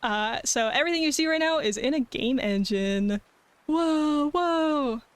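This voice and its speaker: A woman's voice: fairly high pitch, expressive, normal speed, clear, resonant tone, dry recording. A woman streamer chatting casually with her live viewers in a cute, bubbly anime-streamer manner. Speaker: streamer and artist hosting a cozy art stream. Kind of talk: casual livestream chat.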